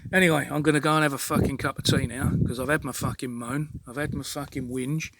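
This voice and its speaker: A man's voice: mid-range voice, steady tone, fast, background noise. A man venting in an exasperated, sweary rant monologue to his own channel, repeating himself as he talks. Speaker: vlogger.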